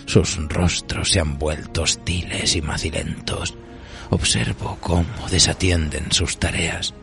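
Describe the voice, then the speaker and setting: An ancient, weary cursed treasure drifting at sea, voiced by a man reciting a poem. The voice is very deep and gravelly, unhurried and solemn, sometimes sinking to a near-whisper. Soft music plays behind it. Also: full character voice. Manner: slow, solemn, at times hushed to a whisper.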